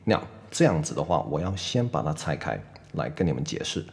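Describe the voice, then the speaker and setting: Low-voiced man teaching pronunciation. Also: big pitch swings, gravelly, a little mellow. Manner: explains patiently, slows down to model sounds; sprinkles "OK" through his speech. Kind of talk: online pronunciation lesson.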